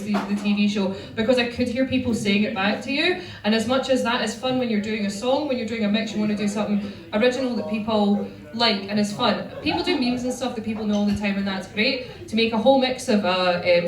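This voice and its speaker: A woman's voice: medium pitch, brisk. A Scottish woman giving blunt, sweary feedback as a competition judge on stage. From Scotland. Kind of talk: spoken stage critique. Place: roomy live venue with audience. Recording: echoey live venue.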